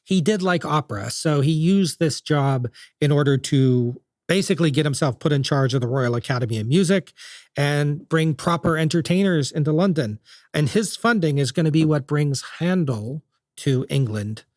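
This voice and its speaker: A man's voice: a little high, moderate pace, darkish tone, no echo, studio quality. A man hosting a podcast, telling history in a chatty, jokey, casual way. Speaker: podcast host.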